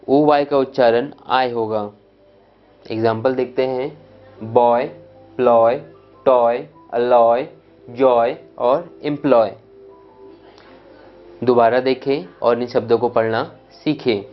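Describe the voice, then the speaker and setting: A man teaching English pronunciation, reading out word lists one by one and often checking "clear?" with his students. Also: mid-range voice, fairly even intonation, slow, long pauses, dull audio, faint music behind. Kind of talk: pronunciation lesson.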